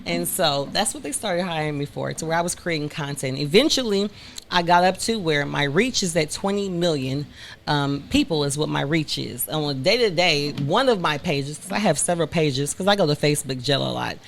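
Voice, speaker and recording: A woman from Detroit, a content creator, telling her story in a frank, animated interview chat. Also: low voice, fairly quick, creaky, a little hiss or hum. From Detroit, Michigan.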